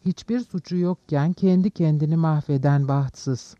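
A man's voice: a little high, normal speed, warm tone, no room sound, muffled recording, natural voice. A man voicing a tearful, devoted young woman, speaking tenderly.

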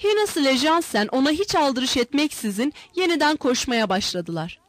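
High-voiced woman reading a story aloud. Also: dry recording. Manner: measured, expressive reading. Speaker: narrator. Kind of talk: audiobook storytelling.

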